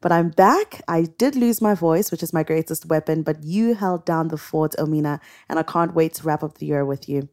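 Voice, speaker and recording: A young woman co-hosting a podcast, chatting in a bubbly, expressive way. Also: deep voice, moderate pace, hardly any pauses. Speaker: podcast co-host. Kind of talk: casual podcast chat.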